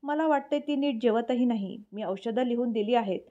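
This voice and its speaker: A woman voicing a calm, matter-of-fact doctor who explains things plainly in a storybook reading. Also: fairly high pitch, moderate pace, highs cut off, lightly acted.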